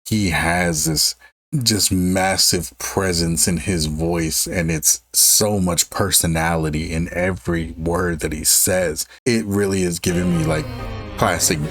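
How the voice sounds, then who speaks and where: Male reaction host, low-pitched, dry studio-like sound, casual commentary with stretched-out emphasis. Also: fairly even intonation, a little slow, fairly bright tone, no echo, soft background music.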